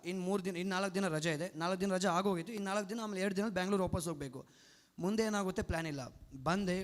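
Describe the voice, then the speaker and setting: A young man tells his story in an earnest, emotional testimony. His voice sits high and his words come quickly. It is recorded in a hall with a long reverb tail. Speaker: testimony speaker at a church retreat. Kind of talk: personal testimony.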